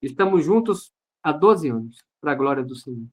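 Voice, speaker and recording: A man's voice: fairly high pitch, lively intonation, normal speed, darkish tone. A Brazilian man, a pastor, sharing his personal testimony in an online service over a video call, earnest and repeating phrases for emphasis. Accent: Brazilian Portuguese.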